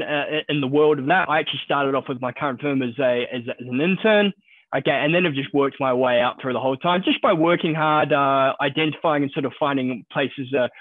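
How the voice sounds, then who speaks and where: A New Zealand stockbroker with a slightly high voice appears as a guest on a podcast, chatting casually at a quick, upbeat pace and often repeating words as he restarts sentences. The audio is dry, narrow and tinny.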